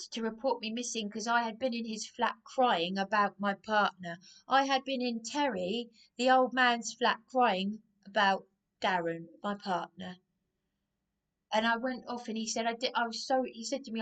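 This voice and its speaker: A woman's voice: fairly high pitch, normal speed, a bit bright. A woman in an emotional, rambling monologue, agitated and repeating herself. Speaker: vlogger.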